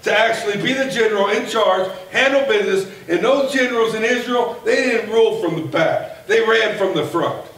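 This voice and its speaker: A man in his forties preaching a sermon from a pulpit in a folksy, animated way that builds to a shout. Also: high-pitched, normal speed, few pauses. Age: 40s. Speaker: pastor. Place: church sanctuary, at a pulpit. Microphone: far camera at the back of the room. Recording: echoey church from far off, faint hiss.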